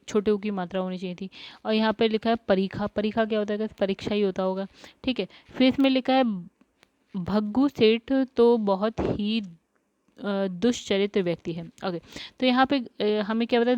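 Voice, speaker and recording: A woman teaches an exam spelling lesson, working through each word and saying it again as she checks it. Her voice sits at an ordinary middle pitch. The recording is dry and a little dull, like a lo-fi home setup. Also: darkish tone, smooth, no room sound. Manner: explains step by step, repeats words, says "guys" often. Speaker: Hindi exam tutor.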